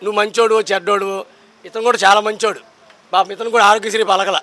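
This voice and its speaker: A young adult man argues politics outdoors in a street poll, emphatic and combative, firing off rhetorical questions in impassioned street talk. His high-pitched voice stays steady in tone while he speaks fast, sounding pushed and bright.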